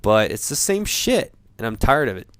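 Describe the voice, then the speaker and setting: A man in a profane off-the-cuff gamer rant, sounding drunk, rambling haltingly and repeating himself. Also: medium pitch, very animated, fairly bright tone, no room sound. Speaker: gamer ranting about video games.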